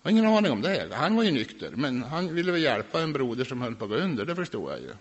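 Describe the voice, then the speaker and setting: A man telling his personal faith testimony about his past drinking, earnest and reflective, now and then laughing softly. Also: mid-range voice, very animated, husky, highs cut off. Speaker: former alcoholic sharing his faith testimony.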